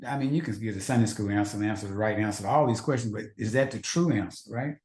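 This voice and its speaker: A man's voice: fairly low pitch, fast talker, darkish tone. A man teaching a faith-based marriage class, earnest and repetitive, asking the husbands in the audience rhetorical questions. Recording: echoey room.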